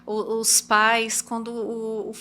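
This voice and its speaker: A woman's voice: a little high, completely flat delivery, slow pace, pushed and bright, a little hiss or hum. A woman hosting an interview podcast, asking questions hesitantly and searching for words. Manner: hesitant, searching for words, many "uhum" backchannels. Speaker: podcast host.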